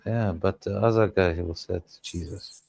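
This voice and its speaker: A man, speaking English as an in a casual panel chat and often pausing to search for words. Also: low voice, fairly even intonation, gravelly, darkish tone, no room sound. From Germany. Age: 30s. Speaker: panel guest.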